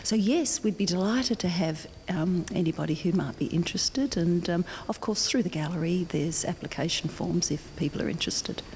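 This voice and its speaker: Speaking at a normal pace with hardly any pauses, this older Australian interviewee, a support group president, has a fairly low voice with a darkish tone. She still hesitates and repeats words as she improvises her answers. The setting is a big indoor gallery whose echoing hall leaves clear background noise.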